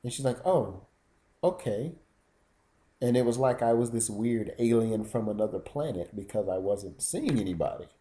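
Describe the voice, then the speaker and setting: Mellow-voiced man ranting on a vlog. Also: lowish voice, a little fast, hardly any pauses. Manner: rambling, indignant storytelling. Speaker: YouTube vlogger. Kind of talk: casual vlog monologue.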